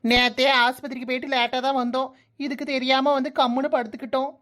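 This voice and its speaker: Woman voicing a sassy young cartoon daughter-in-law, Kanyakumari Tamil accent, high voice, sarcastic, mutters to herself. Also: flat delivery, fast, fairly bright tone. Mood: grumbling. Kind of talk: comic cartoon dialogue.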